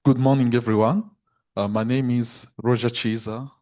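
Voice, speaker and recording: A man's voice: mid-range voice, steady tone, moderate pace, darkish tone. A man with a Burundian accent gives a spoken self-introduction to a group. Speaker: course participant, doctor.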